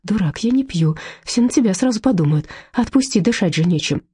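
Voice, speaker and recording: A woman's voice: mid-range voice, lively intonation, a little fast, dark tone, husky, voice pushed up. A woman reading an audiobook voices a defiant young woman who answers coldly. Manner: cold, defiant.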